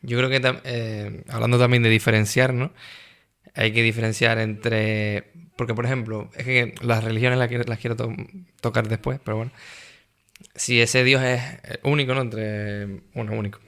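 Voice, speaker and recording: Gravelly, hesitant young man. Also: medium pitch, level tone, moderate pace, a bit bright. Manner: hesitant, casual, many restarts and tag questions. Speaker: interviewer. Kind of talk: conversational interview.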